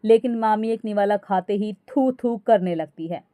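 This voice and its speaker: A woman narrating a moral family story in a steady storytelling manner. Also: mid-range voice, normal speed, clear, resonant tone, no room sound.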